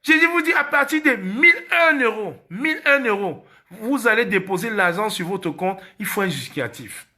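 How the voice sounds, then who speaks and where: A man's voice: high-pitched, lively intonation, moderate pace, bright, forceful tone. A man from Cameroon with a Cameroonian French accent, hosting a casual live stream and hammering his points home by repeating key phrases.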